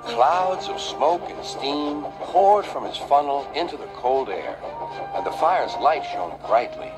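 Male narrator, expressive read-aloud storybook delivery, lively pitch, over a music bed. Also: takes it slowly, rough recording.

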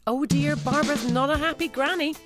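A woman in her thirties presents a home-moving TV show, her high voice brisk as she chats and teases with the family. She's recorded on a lapel mic in and around a house, with music playing in the background. It's lifestyle television presenting.

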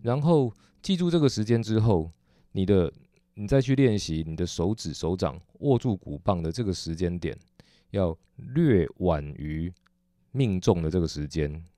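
Low, mellow Taiwanese-accented man teaching drums. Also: animated, moderate pace, dry recording. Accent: Taiwanese Mandarin. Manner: patient, methodical, frequent "哦" fillers. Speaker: drum teacher. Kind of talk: instructional explanation.

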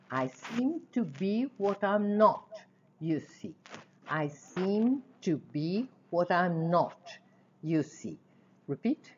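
Lively, low-voiced woman teaching. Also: a little hiss or hum. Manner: drills lyric lines slowly, then explains them in Portuguese. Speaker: English teacher. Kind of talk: song-based language lesson. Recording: dull lo-fi recording.

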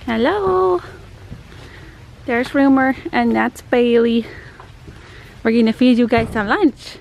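A woman narrating a casual barn tour with a slightly raised pitch and a gravelly, creaky edge to her voice. She talks in a chatty, explanatory way and laughs easily. Faint background hiss sits under her handheld-camera sound. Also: slow pace, a little mellow. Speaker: vlogger. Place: horse barn and paddock, indoors and outdoors.

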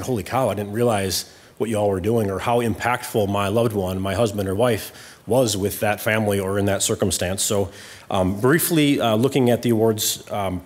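Police captain, man in his forties, fairly low voice, plain council briefing with frequent ums. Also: darkish tone. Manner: plain explanatory, many ums. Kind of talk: council presentation. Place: council chamber. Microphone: desk mic.

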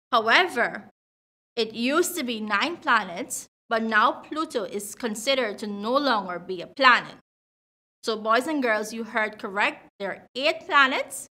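A woman in her thirties presenting a scripted science lesson for children like a kids show host, with deliberate, emphatic enunciation. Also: fairly high pitch, bright, forceful tone. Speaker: science teacher presenting a grade seven video lesson.

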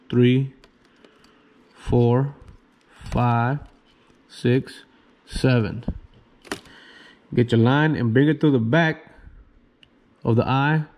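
A man, hosting a fishing channel and calmly talking through how to tie knots step by step. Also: medium pitch, lo-fi sound. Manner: laid-back, slow, step-by-step instructions. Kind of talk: casual how-to demonstration.

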